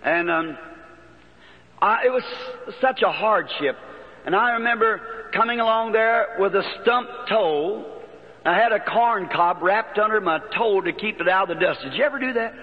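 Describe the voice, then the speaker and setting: A man preaching in a high, homespun voice, full of rural turns of phrase. The old archival recording sounds dull and lo-fi. Long reverb from a large hall trails behind his words. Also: animated, normal speed. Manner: folksy, plain-spoken storytelling with rural turns of phrase. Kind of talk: sermon storytelling.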